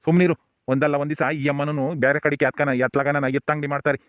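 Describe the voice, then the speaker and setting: A proud old village headman, played by a man with a rural Tumakuru Kannada accent, who keeps hushing and comforting his granddaughter. His voice sits fairly high and the words come quickly. The recording is dry and close. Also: little pitch movement, smooth, no echo, close to an everyday voice. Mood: consoling. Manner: soothing, pleading, repeats hush phrases. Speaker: jailed grandfather. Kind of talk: village family drama acting.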